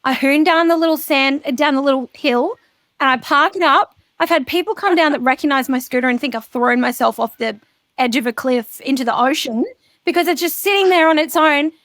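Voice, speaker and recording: A woman in her thirties, a podcast guest, chatting casually and telling animated stories with plenty of swearing. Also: high-pitched, fairly quick, no room sound. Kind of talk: casual chat.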